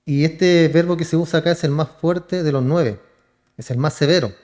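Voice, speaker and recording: A man's voice: fairly high pitch, moderate pace, a little mellow. A man with a Chilean accent, a pastor preaching a sermon to his congregation, addressing them as brothers and asking rhetorical questions.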